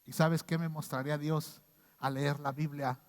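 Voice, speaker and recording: A man preaching a sermon as pastor, acting out quoted voices and swinging between loud outbursts and hushed lines. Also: a little high, level tone, normal speed. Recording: long reverb of a hall.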